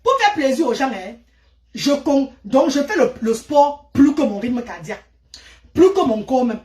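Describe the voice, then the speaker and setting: A woman from Cameroon, telling a story to her viewers in an animated way and repeating words for emphasis. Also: sits high, unhurried. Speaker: vlogger. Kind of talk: casual storytelling monologue. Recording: roomy echo.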